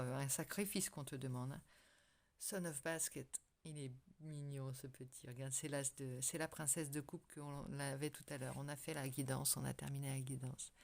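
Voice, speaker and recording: A woman's voice: low-pitched, creaky. A woman giving a casual, spoken tarot reading straight to the viewer, hesitating often and restarting her sentences. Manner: hesitant, many fillers and restarts, speaks directly to the viewer. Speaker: tarot card reader.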